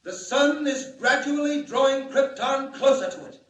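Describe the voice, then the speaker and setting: Jor-El, very high-voiced, grave scientist. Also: male voice, moderate pace, a bit bright. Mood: urgent, foreboding. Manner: solemn, declamatory, earnest. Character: grave, urgent male alien scientist warning of doom. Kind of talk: 1940s radio drama acting. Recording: echoey, distant 1940 radio broadcast.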